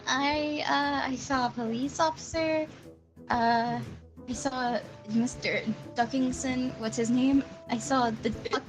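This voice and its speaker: A woman with a high voice plays an intern on the witness stand in an improvised courtroom game. She answers slowly and falteringly, and often teases the other players. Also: fairly even intonation, over music. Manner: teasing, hesitant witness answers.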